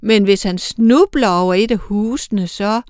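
A woman's voice: medium pitch, no room sound, studio quality, close to an everyday voice. A woman voicing a senior female angel who is stern, irritable and bossy, speaking sharply and curtly. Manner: sharp, commanding, clipped.

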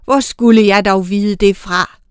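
A woman's voice: medium pitch, lively intonation, clean tone, no room sound, clean studio sound, close to an everyday voice. A woman playing a stern, bossy senior angel. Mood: curt. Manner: sharp, commanding, clipped.

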